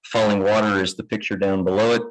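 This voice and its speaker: A man from Kentucky with a Kentucky accent giving a presentation to an audience, relaxed and self-deprecating. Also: on the low side, quick pace, poor audio. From Kentucky, United States. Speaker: guest presenter. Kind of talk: conference presentation. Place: lecture room with live audience.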